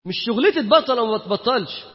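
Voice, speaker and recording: High-voiced Egyptian preacher, echoey hall. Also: male voice, expressive, rapid-fire. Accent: Egyptian Arabic. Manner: rhetorical questions to the audience, swings between loud and hushed. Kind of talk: colloquial sermon. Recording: dull, echoey hall recording.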